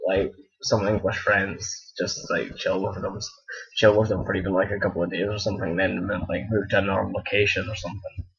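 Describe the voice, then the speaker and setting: Husky young Scottish man rambling. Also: lowish voice. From Scotland. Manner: rambling, self-correcting, playful threats. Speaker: vlogger answering viewer questions. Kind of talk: casual chat. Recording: dull lo-fi home recording.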